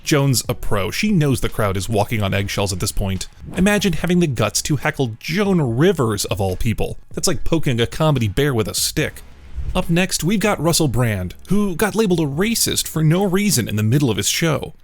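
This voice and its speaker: A man giving lively, wisecracking scripted narration between comedy clips. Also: fairly high pitch, normal speed, faint music behind. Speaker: video narrator.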